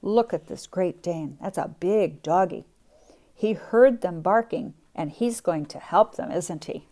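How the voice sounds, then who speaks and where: Female kids show host for storytime, unhurried delivery, talking directly to little children and reading aloud to them. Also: lowish voice, dark tone. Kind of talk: reading picture books aloud to young children.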